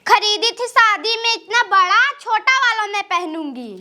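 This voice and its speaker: Woman doing a spoiled new bride showing off, awadhi accent, super high shrill voice. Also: lively intonation, a little slow, pushed and bright, heavily acted. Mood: boastful. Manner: showing off, whiny. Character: newly married young daughter, boastful and pampered. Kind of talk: comedy sketch.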